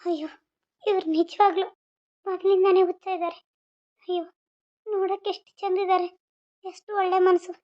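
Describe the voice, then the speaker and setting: A woman's voice: very high voice, flat delivery, a little fast, long pauses. A woman voicing an anxious but caring young newlywed queen in a cartoon, fretting to herself and coaxing her husband. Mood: worried. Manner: frets in whispered-style asides, coaxing to her husband. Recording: dull lo-fi audio.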